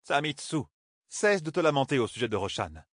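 Guy reading doing calm bossy sorceress lady, cool clipped orders, husky, dry audiobook. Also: medium pitch, moderate pace, dry recording, pitched above the performer's own voice. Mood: commanding. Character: calm commanding sorceress woman, authoritative.

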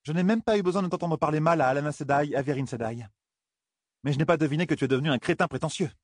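A man's voice: fairly high pitch, rapid-fire, dry recording, studio quality, pitched above the performer's own voice, close to an everyday voice. Man putting on a scornful village girl. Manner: contemptuous, lecturing. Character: scornful village young woman.

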